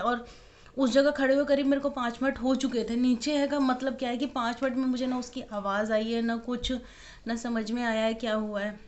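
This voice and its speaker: A young mother of twins shares an emotional story in a casual home vlog, sounding worried and acting out the dialogue. Her voice is a little high and a little mellow, and the lo-fi audio is dull.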